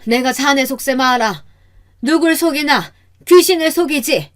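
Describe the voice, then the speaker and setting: A woman voicing a stubborn, suspicious old mother-in-law who fires back with sharp scolding retorts. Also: mid-range voice, slow, lightly acted. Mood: indignant.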